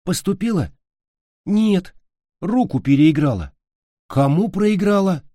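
Shrill, quarrelsome schoolboys at a summer camp trade taunts in a storybook reading, as a man puts them on. Their voices swoop high and jump around with excitement. The tone stays mellow and the sound is dry and close. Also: slow, dry recording. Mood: squabbling.

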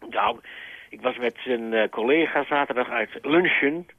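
A man calls in to a radio show, his voice coming through a narrow, tinny phone line with no room sound at all. He chats in a dry, boastful way and rambles from one story to the next. His pitch sits in the middle of the range. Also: moderate pace, no echo. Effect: heard over a phone line. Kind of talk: casual chat.

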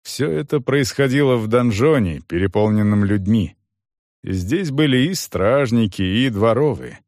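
A man's voice: mid-range voice, animated, a little slow, a little mellow, no room sound, studio quality. A man reading a historical adventure story aloud as audiobook narration.

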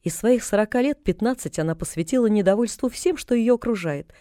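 A woman reads a storybook aloud with calm, even delivery. Her voice is warm and mellow, and the recording is dry and close with no room sound. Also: medium pitch, a little fast, no room sound. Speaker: audiobook narrator. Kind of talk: scripted narration.

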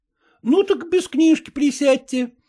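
A reader voices a pushy, coarse merchant husband, newly married, who coaxes and nags his wife in folksy, old-fashioned speech. The voice is high and dark-toned, with an unhurried pace.

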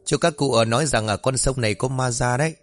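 Guy doing a big friendly middle-aged boatman, loud and folksy, faint music behind. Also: mid-range voice, fast talker, lightly acted. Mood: jovial.

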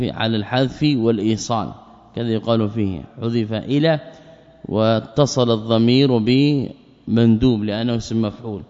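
A male scholar giving a classroom lecture, reciting verse lines slowly, repeating phrases and posing rhetorical questions. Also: mid-range voice, darkish tone. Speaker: Islamic scholar teaching a text. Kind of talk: classroom lecture explaining a legal poem. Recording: muffled recording with long hall reverb.

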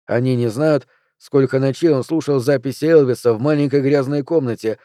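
A man reading a novel aloud in an even, measured narration. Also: mid-range voice, no echo, clean studio sound. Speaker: audiobook narrator. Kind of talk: scripted narration.

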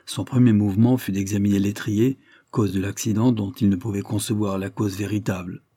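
A man narrating a classic novel as an audiobook, in a steady, measured reading. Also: fairly low pitch, slightly rough, no room sound.

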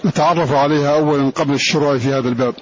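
Man lecturing slowly, repeating each term. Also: a little high, steady tone. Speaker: Quran recitation teacher. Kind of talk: classroom lecture. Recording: dull lo-fi recording with faint hiss.

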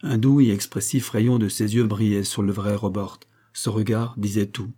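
A man narrating a classic novel in an even, measured reading. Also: on the low side. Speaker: audiobook narrator. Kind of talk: scripted narration.

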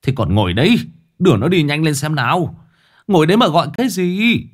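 A man voicing a blunt older village elder who barks orders in a gruff way in an audio story. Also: sits low, sing-song, brisk.

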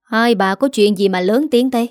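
A woman's voice: on the high side, normal speed, a little mellow, no echo, studio quality, lightly acted. A woman voicing a mild, hesitant older father-in-law in an audio story.

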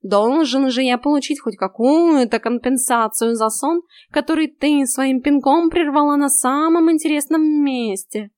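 A woman's voice: high voice, no room sound, clean studio sound, voice pushed up. A woman voicing a cheeky grumbling tomcat. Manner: grumbling, drawn-out, loud. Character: cheeky practical grumbling male house cat.

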